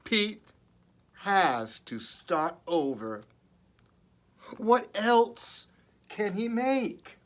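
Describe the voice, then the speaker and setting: Very slowly and with lively pitch swings, a man working as a children's librarian gives an expressive read-aloud. Playful asides pepper his delivery.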